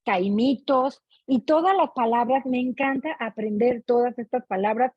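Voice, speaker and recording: A middle-aged woman with a Mexican accent, taking part in a book club, talks expressively about her reading at normal speed in a fairly high, slightly rough voice. She often looks for agreement, and her online meeting audio is muffled and echoey.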